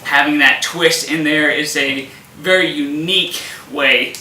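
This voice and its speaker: Bright-voiced man coaching core exercises. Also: a little high, steady tone, measured pace, slight background noise. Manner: instructive, upbeat, strained while exercising. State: effortful, straining. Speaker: fitness instructor. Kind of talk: exercise demonstration. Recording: echoey room from a distance.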